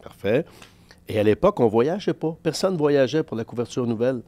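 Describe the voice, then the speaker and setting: A man in his fifties with a Québécois French accent, guesting on a podcast as a sports journalist. He tells career stories at an ordinary pitch, acting out the people he quotes. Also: fairly quick, no room sound. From Quebec. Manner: animated anecdotes with quoted dialogue. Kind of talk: casual podcast interview storytelling.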